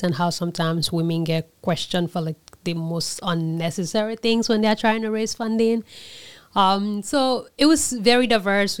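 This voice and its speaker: A woman's voice: fairly low pitch, darkish tone, clear, resonant tone. Woman from Liberia, thoughtful interview guest. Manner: thoughtful, pausing, with fillers and self-corrections. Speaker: interview guest, conference organizer. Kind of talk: casual interview answers.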